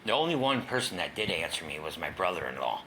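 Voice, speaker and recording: A middle-aged man tells his story bluntly, with occasional swearing. His voice sits very low yet comes across bright and forceful. A faint hiss stays under the recording. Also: sing-song, quick pace. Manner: raw, candid, swears, acts out quoted voices. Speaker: guest telling his recovery story. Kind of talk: personal storytelling in a talk show. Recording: faint background noise.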